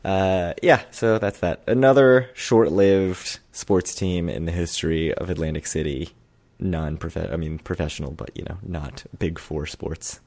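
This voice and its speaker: A man's voice: deep voice, a little slow, a little mellow, dry recording. A man from Maryland co-hosting a podcast, chatting casually with wry humor. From Prince George's County, Maryland. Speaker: podcast co-host. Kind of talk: casual chat.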